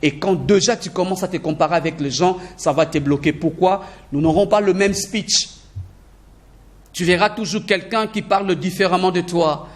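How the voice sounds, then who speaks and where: A man teaching a video lesson on learning English, energetic and repeating phrases for emphasis, mixing in English sentences. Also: high voice, normal speed.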